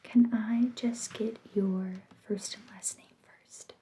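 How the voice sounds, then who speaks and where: A woman speaks in a hushed library whisper, very dark and mellow, as a helpful clerk in a whispered role-play. She is gentle and polite and takes her words slowly. Some noise and clicking sit behind her voice. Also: mid-range voice, steady tone. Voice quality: soft library whisper, mostly unvoiced. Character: soft-spoken, helpful female library clerk.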